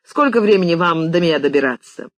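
A reader voicing an impatient American businessman with a high, slightly nasal voice, talking in clipped bursts on a phone line in an audiobook. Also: lively intonation, fairly quick, no echo, lightly acted. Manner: brusque, clipped, shouting.

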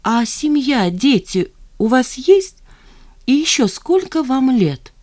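Brief: reader doing an irate woman, loud, sharp, higher pitch, audiobook. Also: big pitch swings, takes it slowly, heavily acted. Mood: probing. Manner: angry, raised voice. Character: furious sharp-tongued woman, hostess.

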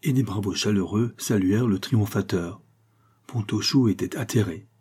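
A man narrating a comic short story aloud, with lively, expressive reading. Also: lowish voice, normal speed, husky.

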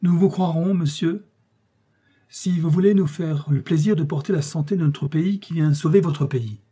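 Man voicing a brutal foreign officer, storybook reading, barking, high raised voice, husky edge. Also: moderate pace, dark tone. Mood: mocking. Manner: barking, scornful. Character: arrogant brutal male foreign army officer.

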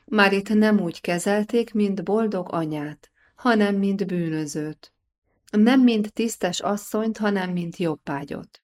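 A woman reading a historical novel aloud as an audiobook narrator, in measured scripted narration. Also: mid-range voice, darkish tone. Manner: measured storytelling.

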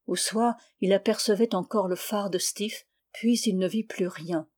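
A woman reading a literary novel aloud in a measured, even narration. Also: mid-range voice. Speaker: audiobook reader.

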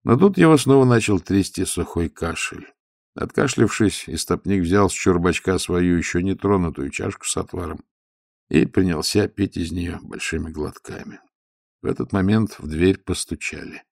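A man reading a story aloud in steady scripted narration. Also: sits low, moderate pace, vocal fry, no echo, studio quality. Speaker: audiobook narrator.

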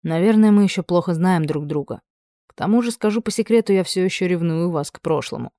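A woman reading the part of a commanding noble dragon lord, speaking low, hushed and soft. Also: brisk, no room sound, studio quality, lightly acted.

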